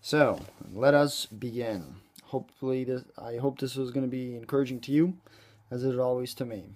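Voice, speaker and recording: A man's voice: medium pitch, moderate pace, darkish tone. A man vlogging who reads his own letters of encouragement aloud in an earnest, sincere way. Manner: earnest, playful, tries a mock Italian accent at first. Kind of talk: casual vlog and letter reading.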